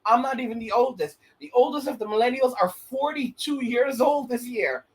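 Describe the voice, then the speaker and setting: A man's voice: very high voice, moderate pace, slightly rough. A man in his late thirties hosting his own channel, giving casual rambling commentary and often restarting his phrases. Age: 30s. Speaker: channel host.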